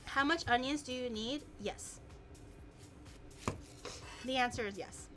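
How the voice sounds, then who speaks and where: A woman's voice: sits high, slow, loud music behind the voice. A woman hosting a casual cooking live stream, chatting in a playful, teasing way and swearing casually.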